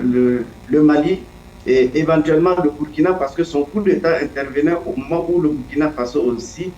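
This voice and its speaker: A man speaking as a political commentator in an interview, earnest and deliberate, often pausing to search for his words. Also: a little high, a little mellow, a little hiss or hum. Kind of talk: analytical interview answer. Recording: echoey, distant, dull lo-fi sound.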